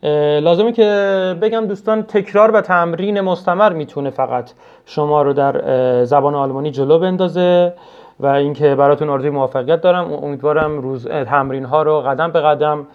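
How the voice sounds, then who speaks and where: A man from Iran teaching a spoken language lesson, patiently repeating words for learners and speaking formally and politely with many hesitation sounds. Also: fairly high pitch. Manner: patient, repeats each word slowly for learners. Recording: dull lo-fi recording.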